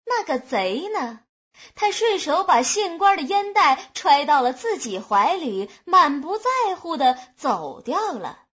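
A woman narrating a humorous folk tale in a lively, expressive storytelling manner, on a dull lo-fi recording. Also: high voice, takes it slowly.

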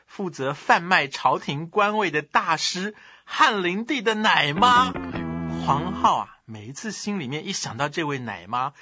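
Lively comic storyteller. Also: male voice, a little high, breathy edge, no echo, highs cut off. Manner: lively, chuckling narration. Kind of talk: crosstalk comedy storytelling.

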